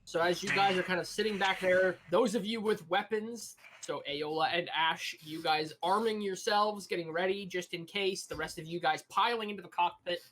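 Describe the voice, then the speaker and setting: A game master narrating a tabletop role-playing game in a relaxed, rambling way, with frequent fillers. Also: mid-range voice, normal speed, hardly any pauses, a little hiss or hum.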